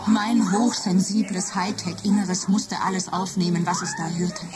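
A woman playing a lovesick, jealous female office computer in a radio drama, speaking softly and often in a whisper. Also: on the low side, fairly even intonation, normal speed, over music, lightly acted. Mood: obsessive, tender. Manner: soft, intimate, often whispering. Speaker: computer character.

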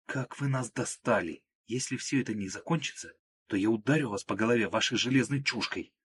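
A man voicing a sharp-tongued young woman who snaps and scolds. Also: medium pitch, fairly quick, slightly rough. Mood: scolding. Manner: snapping, scolding.

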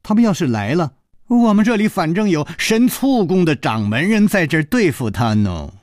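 A man's voice: sits high, big pitch swings, normal speed, dry recording, studio quality, pitched above the performer's own voice. A man voicing a cheeky, giggly young girl who teases playfully. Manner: playful, mocking.

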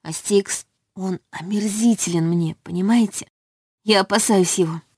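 A woman's voice: mid-range voice, a little slow, a little mellow, slightly rough, no room sound, studio quality. A woman reading a desperate young heroine. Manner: pleading, emotional. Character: frightened young woman fleeing a forced marriage. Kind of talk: audiobook reading.

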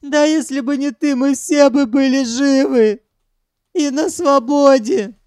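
A sobbing, wailing young captive. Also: male voice, very high-pitched, steady tone, slow, a little mellow, no echo, clean studio sound, pitched above the performer's own voice. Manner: wailing, pleading. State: crying.

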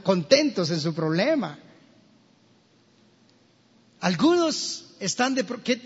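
Colombian male pastor, husky high voice, church sermon with long reverb. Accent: Colombian Spanish. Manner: preaching with dramatic voiced quotes and questions to the congregation. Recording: dull, hall-reverberant church recording.

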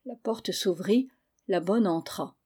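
A woman reads a classic storybook aloud as narrator, measured and even. Her voice is mellow and warm, with a medium pitch. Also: husky. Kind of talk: audiobook reading of a classic novel.

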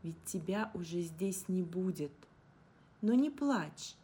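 A woman voicing a calm, tender young woman who gently reassures her friend. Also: fairly low pitch, slow. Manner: gentle, reassuring, soft sighs. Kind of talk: audiobook character reading. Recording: guitar music underneath. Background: guitar music.

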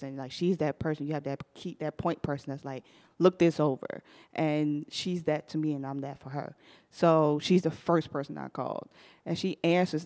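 A young woman hosting a podcast, telling a personal story to a live audience, animated and laughing often. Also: sits low. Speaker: podcast host.

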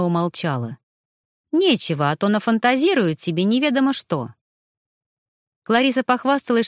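A woman narrating a first-person fantasy novel in an even, measured storytelling voice. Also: medium pitch, no room sound, studio quality. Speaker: audiobook narrator.

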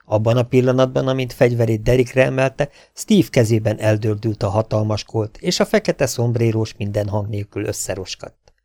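A man narrating a western adventure audiobook in a steady, even storytelling manner. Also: on the low side, no room sound. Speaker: audiobook reader. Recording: dry home audiobook recording.

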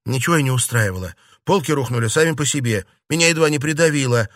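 A man voicing a bold, sharp-tongued teenage girl who talks back defiantly. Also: mid-range voice, lively intonation, fast talker, no echo, studio quality, voice pushed up. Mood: cutting. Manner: defiant and cutting.

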